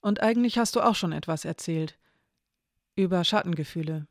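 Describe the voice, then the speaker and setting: A considerate non-binary character in a spoken story, measured and gentle, with a dry streak of irony, as a reader puts them on. The voice sounds gravelly and creaky, close-miked in a dry space. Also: medium pitch, no echo, natural voice. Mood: careful. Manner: thoughtful, measured phrasing. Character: non-binary person, careful, gently ironic.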